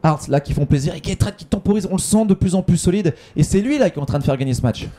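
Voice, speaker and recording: A man giving live esports commentary in an excitable announcer style, repeating phrases for emphasis. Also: high-pitched, fast talker.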